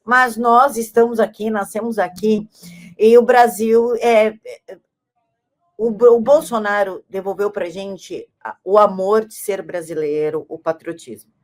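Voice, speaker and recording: A woman's voice: medium pitch, steady tone, unhurried. A woman interviewer asking long, emphatic, opinionated questions.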